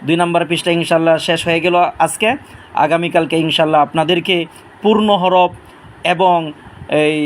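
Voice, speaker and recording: A man teaching Arabic letter sounds, stretching each one out slowly to demonstrate it. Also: fairly high pitch, a little hiss or hum. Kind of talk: online Quran letter lesson.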